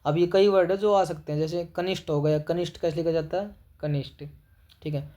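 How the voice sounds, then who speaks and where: Man teaching spelling, pitched a bit high. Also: fairly even intonation, a little fast, mellow. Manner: spells words syllable by syllable, repeats "ठीक है", calls students "भाई". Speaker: Hindi teacher. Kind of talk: exam-prep spelling lesson.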